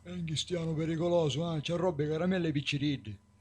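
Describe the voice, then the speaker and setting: A man's voice: a little high, fairly even intonation, fast, natural voice. A man with a Sicilian accent playing an easygoing, streetwise sidekick in an amateur video game parody dub. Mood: explaining.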